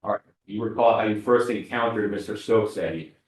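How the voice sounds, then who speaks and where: A lower-voiced man examines a witness in a courtroom recording, his halting questions full of restarts. He sounds far from the microphone, and the room rings with heavy echo. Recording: very echoey courtroom audio from far off.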